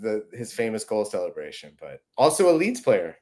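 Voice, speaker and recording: A man with a fairly low voice hosting a podcast. He chats in a relaxed, agreeable way, trading opinions with his guest. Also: moderate pace. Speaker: podcast host. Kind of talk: casual chat.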